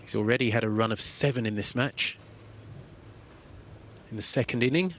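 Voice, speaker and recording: Male sports commentator, mid pitch, measured and explanatory, soft background ambience. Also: slight background noise. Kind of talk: play-by-play commentary.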